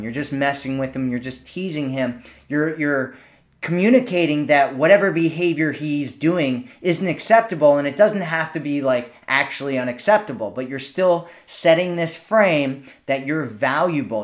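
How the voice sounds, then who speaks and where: A man hosting a podcast, giving relaxed dating advice straight to a female listener and often checking in with "right?". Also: medium pitch. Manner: speaks directly to a female listener. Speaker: podcast host, dating coach. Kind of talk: casual advice monologue.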